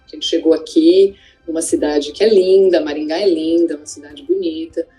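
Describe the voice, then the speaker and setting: A woman's voice: sits low, steady tone, normal speed, dark tone, faint music behind, poor audio. A woman, an ophthalmologist looking back on her career in a conversational way, with frequent fillers and tag questions. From Greater São Paulo, Brazil. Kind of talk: reflective interview testimony.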